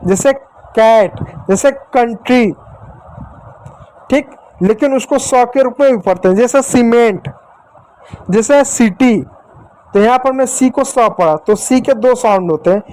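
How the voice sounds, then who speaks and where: In a Hindi phonics lesson, a man teaches children English letter sounds, going slowly and patiently, repeating example words and pausing to check with "ठीक". His very high voice is a little mellow, and the audio is poor.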